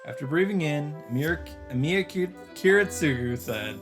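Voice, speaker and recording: Over background music, a man hosts a let's play, reading the story narration aloud with expression and tossing in the odd casual aside. His voice is fairly high and expressive, at a normal speed.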